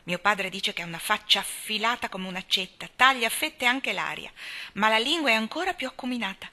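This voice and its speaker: A woman's voice: medium pitch, animated, brisk, sharp tone. A woman reading aloud, voicing an earnest, emotional young woman talking to her close friend. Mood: chatty.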